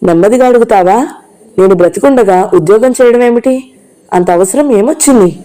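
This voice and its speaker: A reader voicing a jealous, domineering husband who speaks irritably in an audio novel. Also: female voice, medium pitch, normal speed, mellow, natural voice, rough recording. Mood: irritated. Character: jealous controlling husband Raghu.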